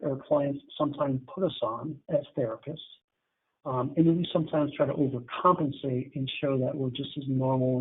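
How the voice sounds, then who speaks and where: A middle-aged male therapist gives a webinar lecture on addiction treatment in a mid-range, slightly rough voice. He is candid and conversational, acting out dialogues with clients. The audio is tinny and phone-like.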